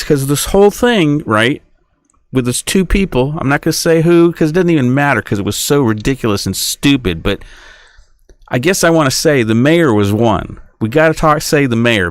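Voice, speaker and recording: A man talks alone into the mic in a rambling, indignant podcast monologue. His pitch swings widely as he jumps between voices for imagined arguments. The sound is close and dry, with little room around it. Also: no echo. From United States. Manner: rambling, indignant, acts out imagined dialogues in raised voice. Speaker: podcast host. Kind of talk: casual monologue.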